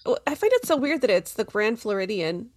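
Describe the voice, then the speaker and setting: A woman co-hosting a podcast in casual chat, gushing and animated about what she loves. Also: fairly high pitch, brisk, no echo, clean studio sound. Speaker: podcast co-host.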